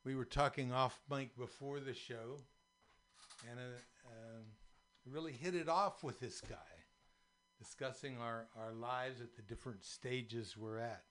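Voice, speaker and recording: A man in his seventies from San Francisco hosting a community radio talk show, slow and thoughtful with many fillers, in a radio studio. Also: mid-range voice, fairly bright tone. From San Francisco, USA. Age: 70s. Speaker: radio host.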